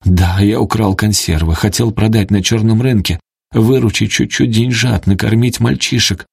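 A man voicing a beaten middle-aged man who begs and pleads desperately, his voice rising high. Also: moderate pace, gravelly, husky, no echo, clean studio sound. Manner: desperate, begging, voice breaking upward. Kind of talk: audiobook character voice.

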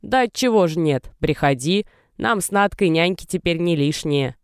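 A man's voice: fairly high pitch, expressive, moderate pace, clear, resonant tone, no room sound, clean studio sound. A man reading the lines of a kindly, folksy old grandmother shooing a girl home.

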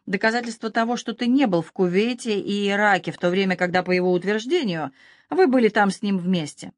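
A woman's voice: mid-range voice, fairly quick, no echo, clean studio sound, close to an everyday voice. A woman voicing a cold, commanding male gangster in an audiobook thriller, speaking curtly. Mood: cold menace. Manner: cold, curt, ordering. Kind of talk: audiobook character voice.

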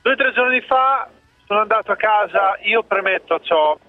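A man in his twenties calling in to a radio show over a phone line on speakerphone, telling his story eagerly and boastfully, with halting restarts. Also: high-pitched, expressive, dry recording. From Forlì, Italy. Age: 20s. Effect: heard over a phone line on speakerphone. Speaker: radio caller. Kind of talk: call-in chat. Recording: dull, thin phone line.

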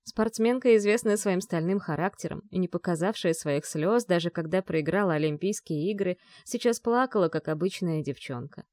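A woman's voice: on the low side, no echo. Woman narrating an audiobook, dry close sound. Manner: measured, expressive reading.

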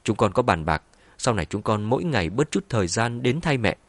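A man's voice: fairly low pitch, big pitch swings, fairly quick, no room sound. A man voicing a determined young woman who pleads earnestly with her mother in an audiobook. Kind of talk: audiobook character voice.

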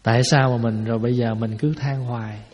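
A Buddhist monk gives a folksy dharma talk to a hall, explaining through rhetorical questions in a brisk, medium-pitched voice with fairly even intonation. The recording is lo-fi and dull, with the echo of a large hall.

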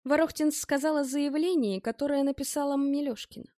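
A cold male interrogator who presses his accusations slowly and insinuatingly, as a woman reads him in an audiobook. The voice sits a little high and dry, close to the mic. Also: mellow, no echo, lightly acted. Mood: accusing.

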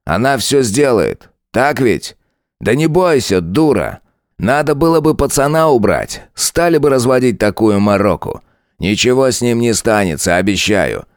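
Male reader doing a cruel lieutenant, audiobook: sneering, mocking, threatening, pitched up. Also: big pitch swings, unhurried, no room sound, studio quality. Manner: sneering, taunting.

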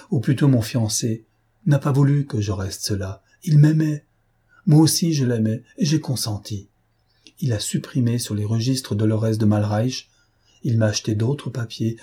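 A man's voice: medium pitch, dark tone, breathy edge. A man voicing a distraught, tearful young noblewoman in an audiobook, speaking in an anguished, pleading way.

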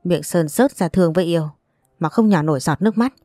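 A woman's voice: lowish voice, quick pace, dry recording, close to an everyday voice. A woman voicing a furious, bullying middle-aged uncle who hurls accusations in an audio story. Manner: shouting insults, accusing.

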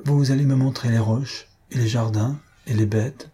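A man's voice: medium pitch, steady tone, normal speed, dark tone, breathy edge, lightly acted. A man voicing a cheerful young countess who speaks lightly and playfully.

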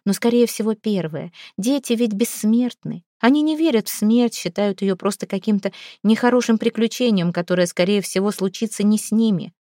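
Mellow woman narrating a story. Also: mid-range voice, normal speed, no echo, clean studio sound. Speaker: audiobook narrator. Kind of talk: scripted narration.

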